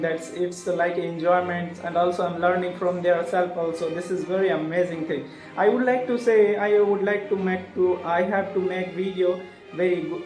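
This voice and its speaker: A man talking earnestly in a halting vlog monologue, often restarting his phrases. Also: high voice, a little mellow. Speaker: vlogger. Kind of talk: casual motivational monologue. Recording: echoey room with faint music behind.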